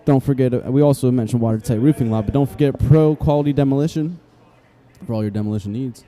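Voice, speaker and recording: A man's voice: medium pitch, fast talker, dark tone, faint music behind. A man doing casual, joking play-by-play commentary for a live-streamed tournament, calling shots as they happen.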